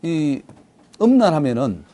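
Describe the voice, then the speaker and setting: A man preaching a sermon as a pastor, animated and swinging from loud to hushed. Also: a little high, a little slow.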